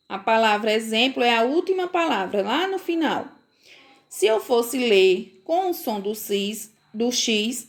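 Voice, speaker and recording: Woman teacher, from Brazil, slightly high voice, very slow and deliberate, sounds words out for small kids. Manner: slow, careful pronunciation with frequent checks for understanding. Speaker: primary school teacher. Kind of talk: recorded online phonics lesson.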